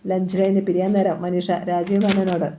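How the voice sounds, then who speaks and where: A woman narrating a crime thriller novel aloud in an even, measured storytelling manner. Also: on the low side, slight background noise. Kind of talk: audiobook novel reading.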